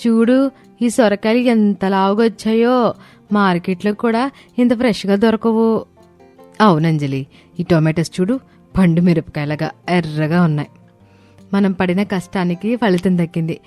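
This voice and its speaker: A woman voicing young daughters-in-law in an animated story, eager and pleading. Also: lowish voice, moderate pace, faint music behind, close to an everyday voice. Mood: cheerful.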